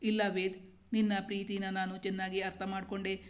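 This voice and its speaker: A woman's voice: mid-range voice, completely flat delivery, measured pace, natural voice. A woman doing a shy, tearful young wife. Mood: emotional. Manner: soft, earnest.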